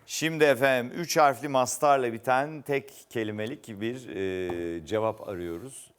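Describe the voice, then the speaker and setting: A man's voice: medium pitch, moderate pace, a loud crowd, very noisy. Playful man hosting a quiz show. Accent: Turkish. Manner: playful, teasing, reads clues aloud. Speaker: game show host.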